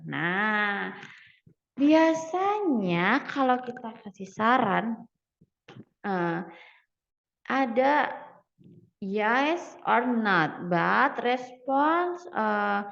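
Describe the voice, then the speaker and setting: A young woman from Indonesia teaches a microteaching English grammar lesson, explaining each point patiently as she switches between two languages. Her voice sits a little high, with a gravelly edge, and she talks at an unhurried, slow pace. The recording sounds dull and lo-fi. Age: young adult. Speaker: student teacher.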